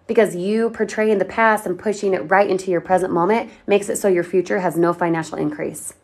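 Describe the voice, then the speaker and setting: Upbeat woman pitching on a livestream. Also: fairly even intonation, brisk, darkish tone. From Colorado, USA. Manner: upbeat, persuasive, talks straight to viewers and reads their comments. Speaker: online marketing livestream host. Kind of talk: casual sales pitch on a livestream.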